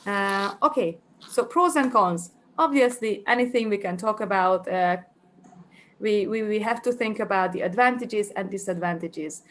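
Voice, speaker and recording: A Hungarian woman gives an academic conference presentation in a medium-pitched, slightly bright voice at a moderate pace. She sounds hesitant, thinking aloud with many fillers and restarts.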